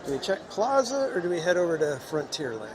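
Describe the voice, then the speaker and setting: A man's voice: a little high, big pitch swings, fast talker, low-quality recording. A man hosting a casual live vlog, chatting informally with his viewers as he goes. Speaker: live stream host. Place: busy theme park, ice cream shop. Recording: loud crowd of a public space.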